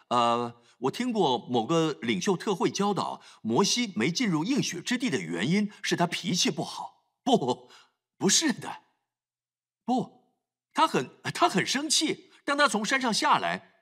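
High, very animated male preacher. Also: breathy edge. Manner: emphatic, acts out scripture scenes. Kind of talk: sermon.

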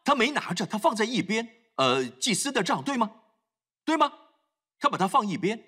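A man's voice: high-pitched, sing-song, normal speed, bright, forceful tone, husky. A man preaching a sermon, emphatic, acting out scripture scenes as he talks.

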